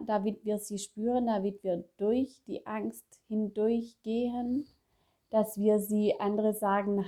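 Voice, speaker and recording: A middle-aged woman coach giving a personal motivational talk, speaking affirmations softly and repeating them. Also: medium pitch. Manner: slow, soft, repeated affirmations. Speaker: self-help coach.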